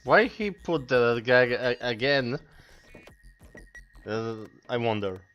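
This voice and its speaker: A man's voice: medium pitch, expressive, slow, smooth, muffled recording, soft background music. A man giving casual gameplay commentary in hesitant, broken English. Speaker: let's play commentator.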